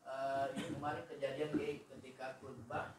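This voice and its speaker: A man's voice: medium pitch, flat delivery, moderate pace. A man in the audience asking a cleric a question, eager, ending almost every phrase with a term of address. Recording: distant voice in echoey room with faint noise.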